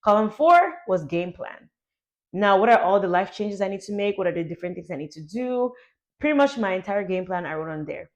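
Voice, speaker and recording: A young adult woman telling a personal story to her vlog audience in a chatty, animated way, full of "like". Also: medium pitch, a little fast. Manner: chatty, animated, heavy use of "like". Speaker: YouTuber.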